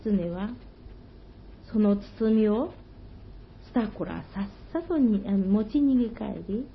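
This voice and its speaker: A woman telling an old folktale slowly and gently, in old-fashioned storytelling phrasing. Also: medium pitch, gravelly, a little hiss or hum. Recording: dull lo-fi recording.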